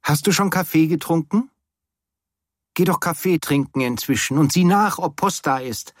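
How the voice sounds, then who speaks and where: A man's voice: fairly high pitch, normal speed, no room sound, clean studio sound, voice pushed up, lightly acted. A man voicing a drowsy, plaintive young woman. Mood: softening. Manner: plaintive, drowsy, then softening. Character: sleepy young woman woken too early. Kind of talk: audiobook character voice.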